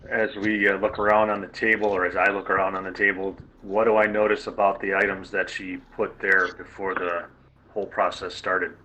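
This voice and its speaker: A man's voice: sits low, level tone, normal speed, bright, forceful tone, a little hiss or hum, rough recording. A man playing in a tabletop game, speaking thoughtfully and correcting himself. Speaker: player. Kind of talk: casual tabletop game play.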